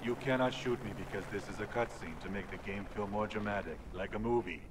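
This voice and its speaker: A self-important game paratrooper played by a man with a lowish voice. He explains things literally and stiltedly, distant amid clear battle noise. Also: fairly quick, lightly acted. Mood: mock dramatic.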